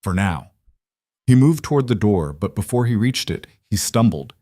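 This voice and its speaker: A man narrating a dark fantasy romance story in a measured, dramatic read. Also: medium pitch, big pitch swings, no echo, clean studio sound. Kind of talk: scripted audiobook narration.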